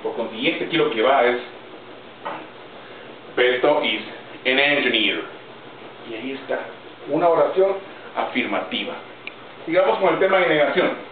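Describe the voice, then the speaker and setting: A man teaching English grammar in Spanish, slow and deliberate, spelling out each example word by word. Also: on the high side, lively intonation. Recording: roomy, distant, phone-like audio with faint noise.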